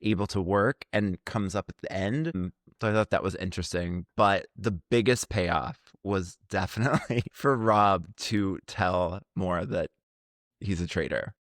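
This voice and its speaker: A man co-hosting a casual, chatty TV recap podcast, talking in an animated way and laughing often. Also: low voice, normal speed, no room sound, clean studio sound. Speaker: podcast co-host. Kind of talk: casual reality TV recap chat.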